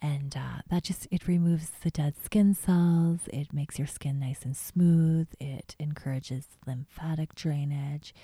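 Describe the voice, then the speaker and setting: A woman whispering casual beauty and hair tips in a gentle, chatty ASMR vlog, often trailing off mid-thought. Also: sits low, gravelly, slightly rough, no room sound. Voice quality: soft whisper. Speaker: beauty vlogger.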